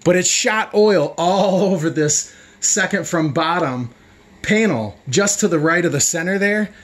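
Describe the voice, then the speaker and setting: Male host, 40s, chatty and upbeat garage vlogger; higher register, echoey room. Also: measured pace, fairly bright tone. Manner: chatty, upbeat, loose with fillers. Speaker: channel host. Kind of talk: casual product demo vlog. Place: garage workshop, indoors. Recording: echoey garage with background music.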